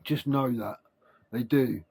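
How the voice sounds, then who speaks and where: A man speaking without his teeth, with soft gummy consonants, giving a halting, repetitive, informal spiritual monologue to camera. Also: mid-range voice, slightly rough. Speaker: self-help video creator.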